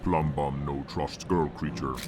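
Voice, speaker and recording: An actor playing a hulking, dim-witted guard creature in a video game, in a dopey cartoon bellow and broken simple speech. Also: male voice, a bass voice, steady tone, a little slow. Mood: dim, stubborn. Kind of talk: video game character acting. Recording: music behind the voice.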